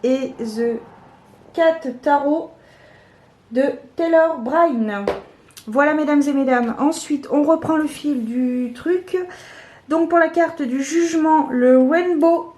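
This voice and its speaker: A woman casually showing her favourite tarot cards, talking hesitantly with many fillers. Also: high-pitched. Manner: slow, soft-spoken. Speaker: tarot vlogger.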